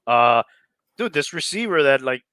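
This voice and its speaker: A man's voice: medium pitch, sing-song, moderate pace, pushed and bright, clear, resonant tone, no echo. A man co-hosting a casual sports podcast, laid-back, swearing casually and saying dude a lot. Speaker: podcast co-host.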